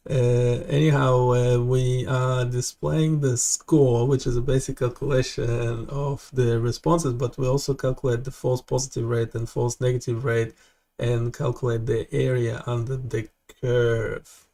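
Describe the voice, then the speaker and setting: A man hosting a live development stream, talking casually and haltingly, with many fillers and restarts. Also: mid-range voice, little pitch movement, mellow.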